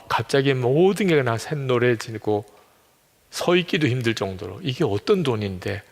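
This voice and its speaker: A man's voice: mid-range voice, creaky, slightly rough. A man preaching as a pastor. He tells a story and changes his voice when he quotes other people. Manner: retells a story, switching voices for quoted speakers. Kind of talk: sermon, storytelling. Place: church sanctuary. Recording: long reverb of a church hall.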